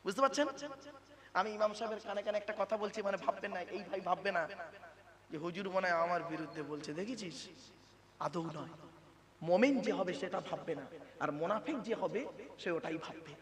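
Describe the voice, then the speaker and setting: A male preacher delivering a sermon at a religious gathering, dramatic and swinging between loud calls and hushed asides, often asking the crowd rhetorical questions. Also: sits high, normal speed, pauses often. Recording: long reverb with crowd noise. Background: audience murmur.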